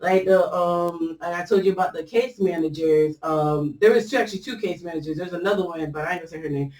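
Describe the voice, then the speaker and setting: A woman tells a personal faith story in a chatty, loose way, full of fillers and easy laughter. Her voice is on the low side, fast, and a little mellow, set back from the mic in an echoey room.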